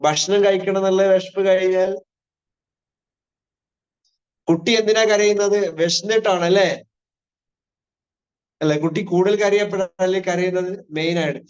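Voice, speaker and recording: A man with a high voice gives a live online parenting lecture. He keeps asking his listeners rhetorical questions, repeats his key phrases and drops in English terms. The stream audio sounds dull and lo-fi. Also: fairly even intonation, moderate pace. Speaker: parenting trainer.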